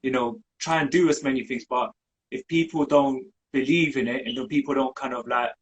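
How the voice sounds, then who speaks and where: A man's voice: mid-range voice, fairly even intonation, a little fast, slightly rough, muffled recording. A young man from Colombia, talking in a casual interview with many fillers and restarts. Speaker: community group founder.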